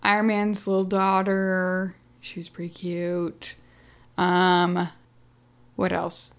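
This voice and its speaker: A woman's voice: on the low side, monotone, slow, clear, resonant tone. Playful woman podcast co-host. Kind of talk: casual chat.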